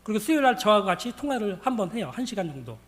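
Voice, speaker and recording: A man's voice: high voice, very animated, rapid-fire. A male pastor preaching a sermon, telling a story and acting out the dialogue as he goes.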